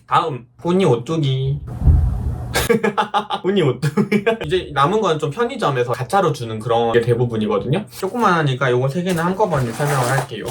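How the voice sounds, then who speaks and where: A man talks quickly with a lively, bouncing pitch as he tours his collection in his room. He coos over each piece and then snaps into mock anger and swearing. His voice sounds a little distant from the mic, with loud music behind it. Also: slight background noise. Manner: animated, swings from cooing to mock rage, swears. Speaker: vlogger showing his collection. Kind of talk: casual chat.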